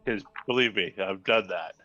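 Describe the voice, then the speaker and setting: A lively man with a bright, sharp tone plays a tabletop game, joking along with the group. His low-set voice comes through muffled, lo-fi call audio. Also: normal speed. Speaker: player.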